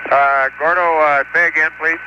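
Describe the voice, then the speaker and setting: A man's voice: a little high, steady tone, normal speed. A man speaking in clipped, matter-of-fact radio procedure, heard over a breaking-up space radio transmission from far off. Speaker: astronaut reporting to mission control. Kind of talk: terse radio procedure talk. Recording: dull noisy radio link from far off.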